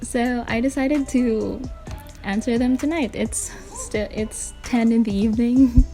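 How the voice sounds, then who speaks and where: A woman hosting a casual solo podcast at home at night, answering listener questions in a soft, earnest way with frequent ums, captured on a handheld voice recorder. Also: a little high, measured pace, faint music behind. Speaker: podcast host.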